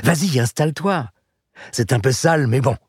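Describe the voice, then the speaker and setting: A man voicing a hearty, teasing retired cook in his sixties, speaking up higher than his own voice in an audiobook. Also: lively intonation, moderate pace, a little mellow, slightly rough, no echo, studio quality. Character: retired older male cook, warm teasing friend.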